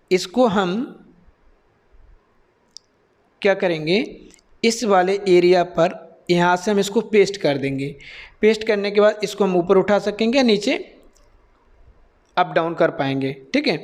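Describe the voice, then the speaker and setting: A man with a high voice walks through a lesson plan like a teacher educator. He is methodical, goes one point at a time and keeps checking that his listeners follow. He is from India. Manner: methodical, step by step, checks in with "theek hai".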